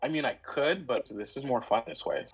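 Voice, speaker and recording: A man narrating as game master in a casual tabletop role-play, with many fillers and quick character voices. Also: medium pitch, husky, highs cut off, faint music behind.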